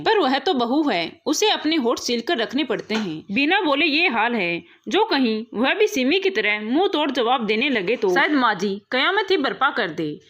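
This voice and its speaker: A woman's voice: high voice, dull audio. A woman reading a moral story aloud as narrator, voicing every character in turn. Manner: reads every character herself, expressive.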